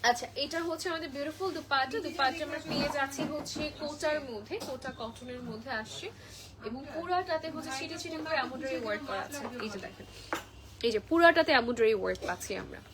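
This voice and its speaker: A young woman selling clothes live, her coming through as she talks in a quick, high voice. She sounds a little unwell, yet stays chatty and drops in English phrases. The clear chatter of a busy shop crowd runs behind her. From Bangladesh. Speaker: live-stream clothing seller. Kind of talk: live shopping sales pitch.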